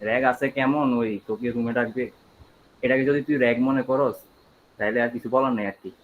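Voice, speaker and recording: A young male university student joining an online Q&A, answering in a relaxed, reassuring way. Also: medium pitch, normal speed, a little hiss or hum. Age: young adult. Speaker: senior student guest. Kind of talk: casual online Q&A. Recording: dull muffled call audio.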